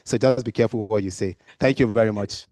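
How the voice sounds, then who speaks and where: A man's voice: fairly low pitch, fast talker, warm tone, dry recording. A man giving an informal conference talk in a hesitant, conversational, joking manner. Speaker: conference speaker, health informatics director.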